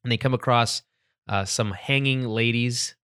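A man in a mid-pitched voice chats casually on a podcast, walking through an episode. He laughs often and acts out the characters' lines along the way. The sound is dry and close. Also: normal speed, a bit bright, clean tone, no echo. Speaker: podcast co-host. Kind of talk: casual chat recapping a TV episode.

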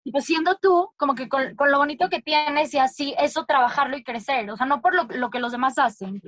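A woman in an online class speaks in a high voice, hesitant and searching for her words. The sound is dry and close, with no room echo. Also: a little fast, a bit bright. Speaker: class participant. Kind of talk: casual remarks in an online class.

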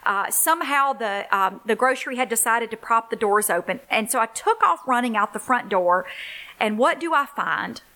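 A woman's voice: on the high side, expressive, normal speed. A middle-aged woman hosting a faith-based podcast for single moms, telling stories in an earnest, encouraging way. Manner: warm storytelling, earnest and encouraging. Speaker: podcast host, ministry leader.

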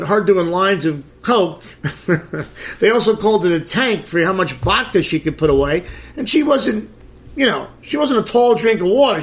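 Man, high pitched, middle-aged, podcast host, blunt, sarcastic, crude. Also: a bit bright. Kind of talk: blunt celebrity gossip commentary.

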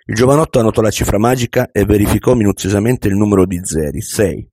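A man narrating an audiobook in a calm, even storytelling manner. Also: fairly low pitch, quick pace, no echo.

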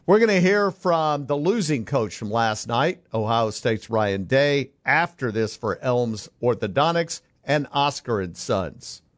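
Radio sports host, male, mid-range voice, dry and up-front, loud dense broadcast processing, brisk conversational patter. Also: medium pitch, expressive, no room sound. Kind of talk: radio show hosting.

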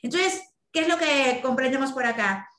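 High-voiced woman leading a workshop. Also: moderate pace, fairly bright tone, roomy sound. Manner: emphatic, acts out quoted speech. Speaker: workshop leader. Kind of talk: group talk over video call.

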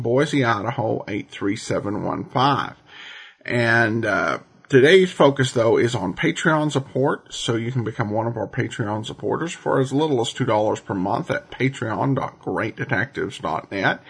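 American guy doing podcast intro announcements, creaky husky voice, kinda halting and informal. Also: mid-range voice. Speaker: podcast host.

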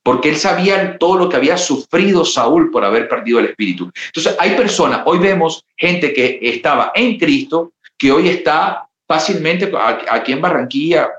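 A man's voice: a little high, expressive, normal speed, hardly any pauses, fairly bright tone. A man preaching a sermon as pastor, with a passionate delivery and dramatized quotations. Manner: impassioned preaching, acting out quoted voices. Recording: roomy, slightly dull sound.

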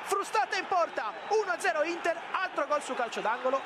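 A man giving breathless, urgent and excited live football goal commentary as the play-by-play commentator. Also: very high voice, a little fast. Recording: loud crowd noise behind commentary. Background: loud stadium crowd.

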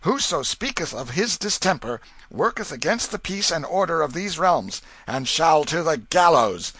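A man's voice: on the high side, big pitch swings, moderate pace, sharp tone, husky, no room sound, voice pushed up, heavily acted. A man voicing a dying old king who is wrathful and commanding, declaiming in archaic, imperious speech.

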